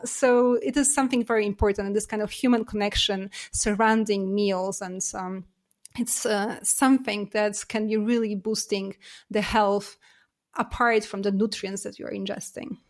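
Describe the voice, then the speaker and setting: A middle-aged woman from Poland, a science journalist, answering interview questions in a thoughtful, explanatory way with many fillers. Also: medium pitch.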